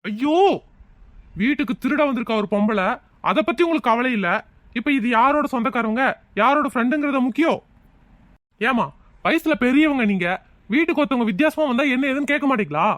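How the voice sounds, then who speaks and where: Comedy skit: performer doing an exasperated, scolding husband, mid pitch, dry close mic. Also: animated, fairly quick, pauses often, a bit bright, no room sound.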